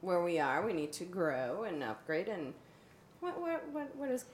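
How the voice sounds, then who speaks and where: A woman's voice: fairly low pitch, very animated, normal speed, a little hiss or hum. A woman from Juarez with a Mexican accent, hosting a casual group chat in a playful, teasing way. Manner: playful, teasing, laughs often. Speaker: podcast host. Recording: echoey room.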